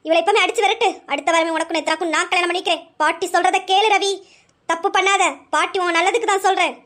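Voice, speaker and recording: A woman's voice: very high voice, steady tone, fast, a bit bright. A woman voicing a spiteful, domineering old grandmother in an audio drama, scornful and commanding. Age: older. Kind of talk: amateur Tamil audio drama.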